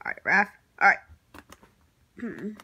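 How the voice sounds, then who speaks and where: A woman vlogging casually in a hesitant, rambling way, restarting her words, clearing her throat and apologizing often. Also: medium pitch, animated, slow, pushed and bright. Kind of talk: casual vlog talk while working at a computer.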